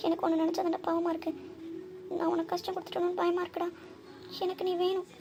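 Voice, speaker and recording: A woman's voice: very high-pitched, level tone, fast talker, darkish tone, a little hiss or hum. A woman voicing characters in a family drama cartoon, pleading and tender in some scenes and urgent and tearful in others. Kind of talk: acted cartoon dialogue.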